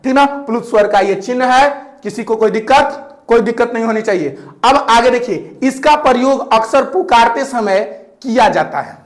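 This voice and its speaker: A man teaching a grammar lesson, repeating each point and often asking whether it is clear. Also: very high voice. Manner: repetitive, checks in often with rhetorical questions. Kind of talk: classroom-style grammar lesson.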